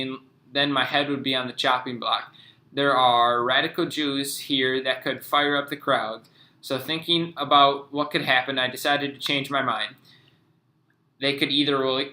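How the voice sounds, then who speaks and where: Young man reading flatly in roomy echo. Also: mid-range voice. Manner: stumbling reading with restarts. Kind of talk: reading a class presentation aloud.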